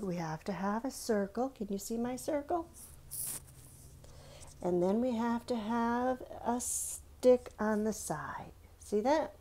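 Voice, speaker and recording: A woman with a fairly high, dark-toned voice teaches young kids to draw, step by step. Her words are simple and supportive, and she keeps checking in by asking questions.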